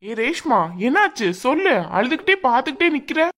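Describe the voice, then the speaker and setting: A woman's voice: high voice, expressive, a little fast, a bit bright. A woman acting in a family drama, speaking in a coaxing, questioning way. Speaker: concerned mother-in-law figure in a family drama. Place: indoors at home.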